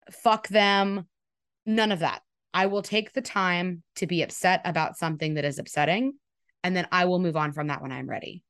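A woman's voice: fairly low pitch, a bit bright, dry recording, clean studio sound. A woman with a Southern US accent in her thirties, hosting a casual solo podcast as a wedding photographer, talking candidly and swearing freely. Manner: candid, chatty, swears freely, acts out quotes.

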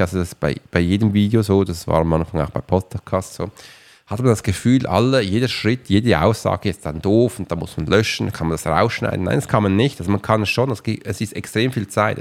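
A man, talking as a podcast host and coach in a chatty, rambling way and speaking straight to the listener. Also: lowish voice. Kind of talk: casual motivational monologue.

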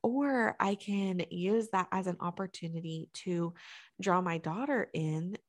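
A woman's voice: on the low side, measured pace, dry recording, clean studio sound. A woman hosting a faith chat who responds with enthusiasm and affirmation.

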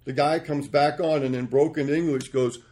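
A man in his sixties, a podcast guest, telling rambling, animated stories about his life. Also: on the high side, moderate pace. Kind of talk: storytelling interview.

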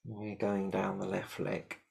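A man leading a guided shamanic meditation, giving calm, repetitive step-by-step instructions. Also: low-pitched, measured pace, creaky.

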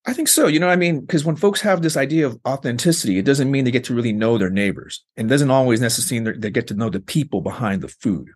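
A man's voice: medium pitch, lively intonation, fast, few pauses, breathy edge. A man, a researcher guest in an interview, explaining his ideas at length with frequent "like" and "you know". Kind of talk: conversational interview.

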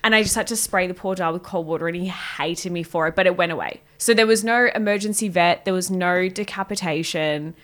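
A woman's voice: fairly low pitch, fairly quick, hardly any pauses, a bit bright. A young woman, co-hosting a podcast and telling a story in casual chat, swearing freely and laughing often. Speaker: podcast co-host.

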